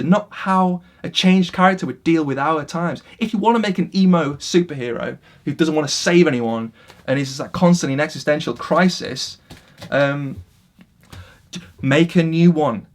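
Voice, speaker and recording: A man delivers a heated opinion rant straight to his camera, his voice sitting a little higher than most. He talks with real passion, surging loud and then dropping to near-muttered asides. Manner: passionate, animated, swings between loud and quiet. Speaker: vlogger.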